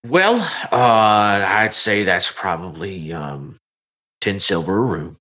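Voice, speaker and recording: Guy doing an easygoing middle aged barkeep in an rpg, lowish voice, obliging, folksy, kinda hesitant. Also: lively intonation, takes it slowly, sharp tone, heavily acted.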